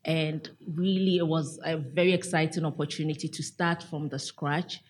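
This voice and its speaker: A woman in her forties, speaking as an interview guest in a thoughtful way with frequent pauses. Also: low voice, fairly even intonation, husky. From Ghana. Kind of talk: interview conversation.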